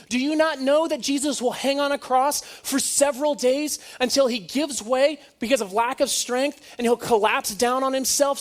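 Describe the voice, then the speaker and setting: A man's voice: very high voice, pitched above the performer's own voice. A man voicing an exasperated male Roman governor, firing off incredulous rhetorical questions.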